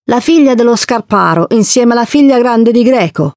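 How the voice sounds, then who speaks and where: Reader playing a fearless young girl in an audiobook, firm and insistent, noticeably higher and a touch louder. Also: lively intonation, moderate pace, no room sound, clean studio sound.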